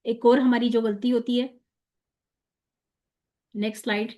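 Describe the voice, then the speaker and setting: A woman teaching tajweed pronunciation in an online lesson, patiently drilling letter sounds slowly and repeating them. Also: a little high, flat delivery, dark tone, highs cut off.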